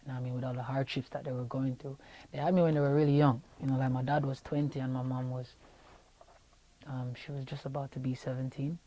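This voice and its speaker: This young adult Jamaican singer talks fast with a mellow, medium-pitched voice that barely moves in pitch. He's being interviewed over a lapel mic in a radio studio room, keeping things casual with plenty of fillers and repetitions. The low-quality audio carries a slight hiss or hum.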